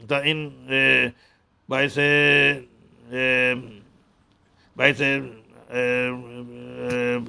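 A man teaching the correct pronunciation of a Hebrew prayer, talking haltingly and repeating words to model each sound. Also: medium pitch, gravelly, pushed and bright. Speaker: religious teacher.

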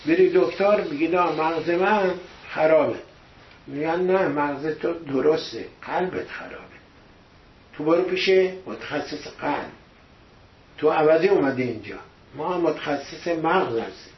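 A man's voice: a little high, a little hiss or hum. A man preaching a sermon who keeps putting rhetorical questions to his listeners. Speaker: religious teacher. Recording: echoey, dull lo-fi room recording.

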